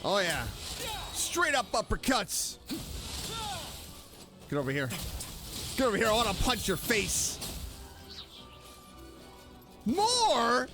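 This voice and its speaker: Taking it slowly and pausing often, a male VTuber game streamer talks in a high, sing-song voice while game music plays behind. He offers casual, playful commentary as he plays, exclaiming and repeating himself.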